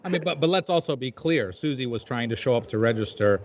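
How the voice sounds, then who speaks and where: A man's voice: mid-range voice, animated, fast. Wry, dry-humored man from Jordan. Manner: dry, wry storytelling with filler-laden asides. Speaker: comedian and panel guest. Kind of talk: casual comedic chat.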